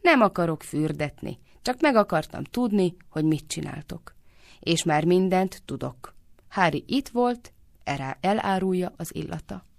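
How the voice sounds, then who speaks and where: A woman's voice: lowish voice, animated, gravelly, dry recording, clean studio sound. A woman voicing a scheming, suspicious woman who shrilly scolds and accuses. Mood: scolding. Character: scheming suspicious old woman, quick to anger.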